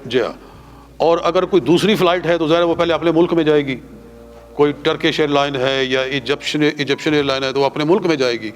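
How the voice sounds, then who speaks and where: Urdu cleric teaching pilgrimage rites. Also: male voice, on the high side. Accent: Punjabi-influenced Urdu. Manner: has listeners repeat prayers after him, slow and drawn out. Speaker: religious teacher. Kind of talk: teaching a class.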